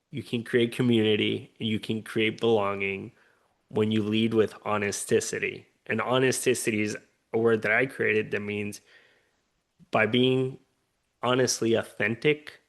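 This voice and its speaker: A man's voice: fairly low pitch, fairly even intonation, normal speed, gravelly, fairly bright tone. A man, an earnest, upbeat interview guest who often checks in with "right?". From Puerto Rico. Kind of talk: conversational interview.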